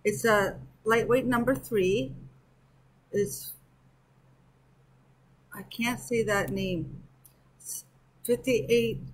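Slow, husky-voiced woman crafter. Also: mid-range voice, poor audio. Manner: chatty, thinks aloud while stitching and counting. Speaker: crochet channel host. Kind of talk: casual yarn review and crochet demo. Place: at home with an air conditioner running.

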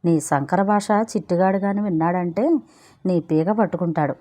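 A woman's voice: fairly low pitch, moderate pace, mellow, lightly acted. A woman voicing Chinna, a sarcastic and wary young man who teases his friend. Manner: mocking, wary.

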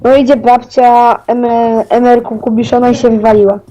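A young teenage boy playing Minecraft with a friend, giggly and playful, trading quick jokes. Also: very high voice, little pitch movement, dark tone, muffled recording, slight background noise. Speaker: co-player. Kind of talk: casual gaming banter.

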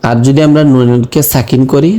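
A man teaching Quran reading in a slow lesson, spelling each word letter by letter and then chanting it. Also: medium pitch, fairly even intonation, dark tone. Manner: spells words letter by letter, then recites them in a drawn-out chant. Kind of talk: slow step-by-step recitation lesson.

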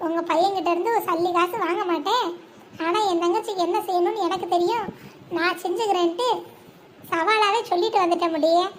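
A very high, piping voice from a bossy village woman who talks with a lilt. She scolds and insists, leaning hard on every complaint, over a faint hiss of background noise. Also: fairly even intonation, a little fast. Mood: indignant. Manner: scolding, emphatic, colloquial. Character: outspoken, indignant village woman, an older sister to her friends. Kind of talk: animated village drama.

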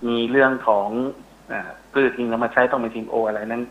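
Heard through a muffled phone connection, a middle-aged academic guest explains his field at a quick pace. His medium-pitched voice stays level, and he often searches for words.

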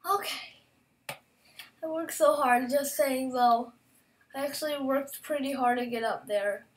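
A woman giving casual, excitable commentary while playing a game, swinging between sudden outbursts and soft asides, with hiccups. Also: high voice, a little slow, far from the mic. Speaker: gamer.

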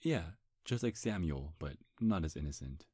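In an intimate ASMR roleplay, a man plays a charming demon seducer, teasing, sly and flirtatious, coy in mood, with hesitant stammers. His low voice is warm, husky and animated at a normal speed, captured on a close, dry microphone with clean, echo-free studio sound.

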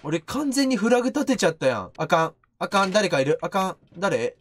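A man's voice: sits high, very animated, slight background noise. A man doing jumpy, teasing commentary on a horror game he is streaming. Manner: jumpy, loud, teasing, quick to shriek. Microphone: studio microphone.

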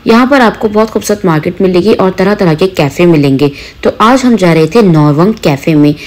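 A woman's voice: on the low side, expressive, brisk, darkish tone. A young woman narrating her travel and food vlog in a chatty, descriptive voice-over. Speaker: vlogger.

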